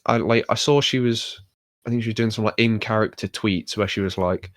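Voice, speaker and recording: In clean, echo-free studio sound, a UK podcast co-host speaks a little fast with fairly even intonation and a fairly low pitch. His casual chat rambles, with plenty of fillers and restarts.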